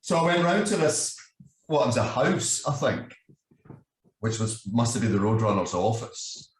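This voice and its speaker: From Scotland, a man in his fifties with a Glasgow accent tells a story as a guest, full of swearing, frequent laughter, and the recurring phrase "you know what I mean." His mid-range voice has lively intonation and a moderate pace, captured on a distant mic with a roomy feel.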